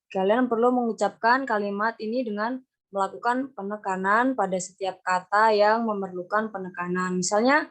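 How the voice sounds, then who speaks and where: Young woman teaching over a video call. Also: medium pitch. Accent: Indonesian. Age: young adult. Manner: explains slowly, repeats key terms, mixes Indonesian and English. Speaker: student presenter. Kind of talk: online class presentation.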